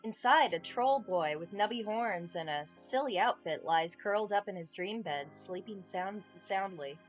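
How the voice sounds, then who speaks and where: A woman's voice: medium pitch, animated, unhurried, soft background music. Woman reading game text with playful asides. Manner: playful, dry asides between narrated lines. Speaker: game streamer. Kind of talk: reading game narration aloud.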